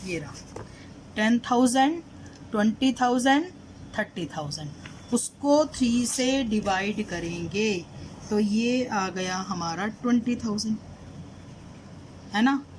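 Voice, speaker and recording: In a rough recording with slight background noise, a woman with a fairly high, slightly mellow voice teaches accounting. She breaks down a solved problem step by step in Hindi mixed with English terms, regularly quizzing students and asking "did you understand?"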